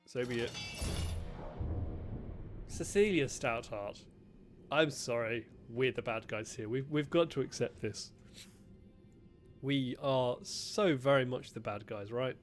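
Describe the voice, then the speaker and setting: A man's voice: mid-range voice, a little slow. A man, a gaming streamer, chatting playfully and sarcastically while he plays a strategy game. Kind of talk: let's-play commentary. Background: faint game music.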